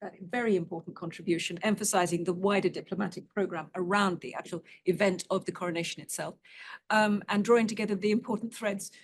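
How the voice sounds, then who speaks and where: A woman's voice: medium pitch, fairly even intonation, quick pace, slight background noise. A woman chairing a conference session, moderating in polite, formal phrasing.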